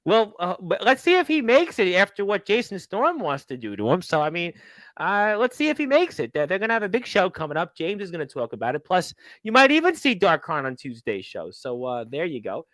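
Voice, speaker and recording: Chatty high-voiced man hosting a wrestling show. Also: huge pitch swings, a little fast, no echo, poor audio. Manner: chatty, laughs often, shouts out chat viewers. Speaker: podcast host. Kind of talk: casual wrestling radio chat.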